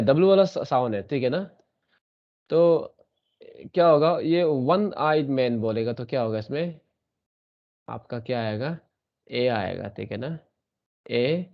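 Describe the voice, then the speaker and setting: A man's voice: medium pitch, dull audio. A man teaching an English grammar lesson in an online class, repeating sounds and asking checking questions. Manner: repetitive, drills sounds, asks checking questions.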